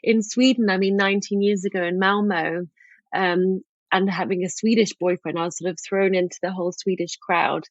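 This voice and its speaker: A woman's voice: medium pitch, steady tone, moderate pace, no room sound. Middle-aged woman guest, storytelling with ums, dull close recording. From England. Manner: chatty, storytelling, frequent ums. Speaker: guest author. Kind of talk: casual podcast interview.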